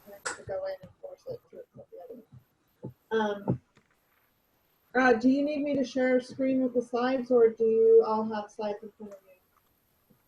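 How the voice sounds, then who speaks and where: A woman's voice: on the high side, moderate pace, long pauses, dark tone. A woman joining a board meeting remotely over a video call, her voice muffled as if heard through a wall. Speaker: staff presenter joining remotely. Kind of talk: public agency board meeting report. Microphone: video call played into the room.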